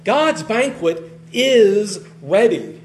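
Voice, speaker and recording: A man preaching a sermon in a conversational, animated way, often restarting phrases and swinging between loud and soft. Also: high-pitched, drawn-out words, slight background noise. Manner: conversational, animated, frequent restarts, varies loudness widely.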